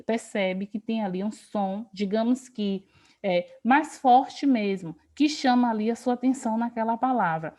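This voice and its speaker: Slow-stressing Brazilian woman teacher. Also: a little high, darkish tone. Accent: Brazilian Portuguese. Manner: explanatory, stretches words slowly for emphasis. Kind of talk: online grammar lesson. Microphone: video call.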